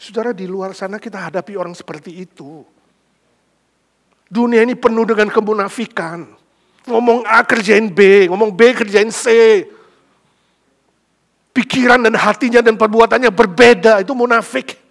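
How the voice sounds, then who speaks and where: A middle-aged male pastor preaching a sermon with emphatic, lively storytelling that builds to loud peaks. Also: sits high, moderate pace, long pauses.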